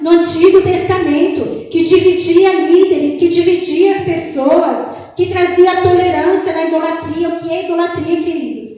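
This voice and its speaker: A woman preaching with fervor, her very high voice often lifting into near-song. She is recorded from a distance in a church hall. The room answers her with heavy echo, and a faint hiss sits underneath. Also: warm tone. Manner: impassioned, drifts into sung tones. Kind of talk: sermon. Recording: echoey church hall, mic far off.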